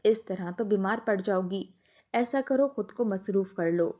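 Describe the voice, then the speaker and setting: A woman's voice: medium pitch, lightly acted. A woman voicing a bossy, scolding sister-in-law in a storybook narration. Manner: sharp, scolding.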